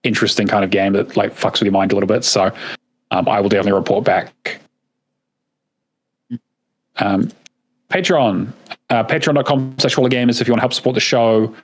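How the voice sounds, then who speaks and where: A man's voice: on the low side, fairly quick, pauses often. A man co-hosting a gaming podcast in casual chat, rambling with many fillers and restarts and swearing freely. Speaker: podcast co-host.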